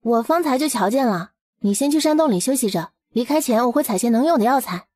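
A woman performs a bold young heroine from a historical romance drama in a high voice. She is spirited, practical and forthright, with a brisk manner. The recording is dry. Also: expressive, a little mellow, dry recording. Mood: practical, assured. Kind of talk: historical audio drama dialogue.

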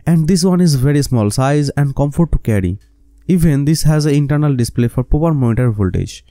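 A man's voice: on the high side, lively intonation, fairly quick, dark tone, dry recording, studio quality. A man with a Bengali accent, a native Bengali speaker, narrating a scripted DIY how-to in non-fluent English. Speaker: host of a DIY electronics channel.

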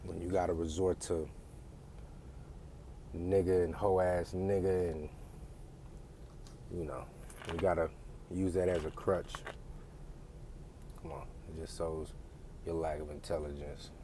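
A man's voice: low voice, level tone, a little slow, pauses often, noisy background. A man giving a blunt, profane, lecturing rant straight to his audience. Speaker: vlogger. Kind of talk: casual ranting monologue.

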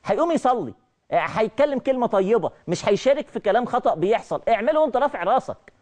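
A middle-aged man with an Egyptian Arabic accent delivers a televised religious lecture in a high voice at a very fast pace. He is animated and repeats his key phrases.

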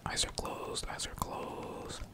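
Speaking slowly, this young man streams a game and whispers offhand remarks the whole way through. There's hardly any tone under all that breath. His talk drifts along in thick slang, and he curses without hesitation.

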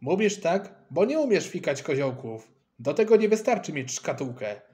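A man's voice: on the high side, big pitch swings, moderate pace, darkish tone. Man doing a boastful, taunting schoolboy. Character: boastful rich schoolboy, show-off.

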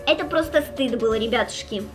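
A woman's voice: a little high, fairly quick. A young woman giving playful, chatty, exclamatory commentary as a gaming host, in a casual Let's Play style. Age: young adult. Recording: music behind the voice. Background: game music.

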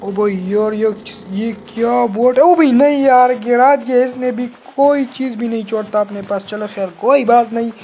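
A man giving excited let's-play commentary as a gaming channel host. He yelps, repeats words over and over, and keeps calling the viewer brother. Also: very high-pitched, moderate pace, hardly any pauses, a little hiss or hum.

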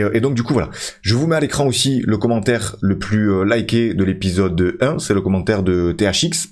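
Speaking in a lowish, darker voice, a French-native man in his thirties narrates his football career mode for his YouTube audience. His tone is friendly and chatty, treating viewers as pals, with lots of filler words.

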